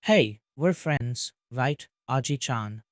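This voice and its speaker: Man reading little boy, eager and anxious, slow, dry close sound, storybook. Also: mid-range voice, expressive, no room sound. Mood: hopeful. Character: small anxious boy craving friends.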